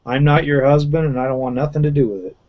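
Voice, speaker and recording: A man's voice: a little high, steady tone, fast talker, muffled recording. A male host giving blunt, opinionated remarks in a casual group chat over a video call. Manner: blunt, opinionated, laughs along.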